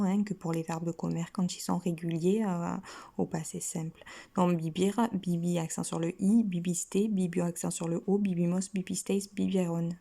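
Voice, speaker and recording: A woman with a French accent teaches a casual language lesson, slowly listing verb endings one by one. Her voice is mellow and sits a little low, and she often drops into a soft half-whisper as she recites.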